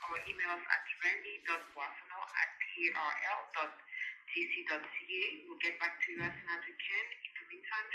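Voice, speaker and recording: A man's recorded voicemail greeting comes through a speakerphone, tinny and narrowed by the phone line. His voice sits high and very bright, and he reads in a polite, scripted, formal way. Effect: played over a speakerphone call.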